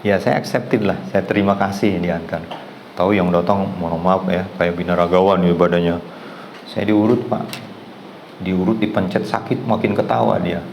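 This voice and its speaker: A man's voice: low-pitched, steady tone, normal speed, vocal fry, darkish tone, slight background noise, low-quality recording. A middle-aged man teaching a massage class, telling anecdotes and acting out the voices of the people in them. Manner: anecdotal, acts out quoted voices with laughs. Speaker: massage therapy instructor. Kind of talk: storytelling lecture to a class.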